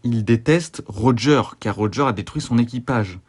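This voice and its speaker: A man in the middle of the male pitch range hosts a tongue-in-cheek theory video. He delivers his analysis with an over-earnest, deadpan seriousness and keeps stopping to hesitate. The recording is dry and close, with no room sound. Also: moderate pace, breathy edge, no echo. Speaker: YouTube host.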